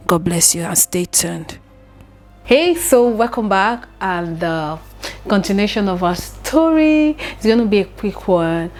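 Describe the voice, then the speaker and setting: A Nigerian woman whose first language is Igbo tells a personal story in her vlog, earnest and emotional, often repeating phrases. Her voice is lowish and slightly rough.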